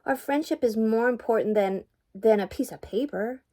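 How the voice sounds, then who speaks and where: A woman's voice: fairly high pitch, moderate pace, natural voice. A grandmother voicing a brave, loyal young male Fraggle in a read-aloud storybook. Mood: gentle. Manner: firm then gentle, forgiving.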